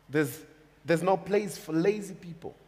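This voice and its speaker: A high-pitched, slightly mellow male voice carries a sermon from a church pulpit. The speaker is a pastor in his thirties with a Kenyan accent, using an emphatic, repetitive cadence on a church stage with a large hall, and the long reverb of the hall lingers on every line.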